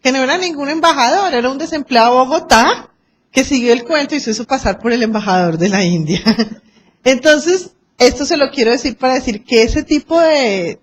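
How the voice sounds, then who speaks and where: High-voiced Colombian woman lecturing. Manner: lively, acts out quoted exchanges, tells anecdotes. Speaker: arbitration course lecturer. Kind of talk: lecture to a class.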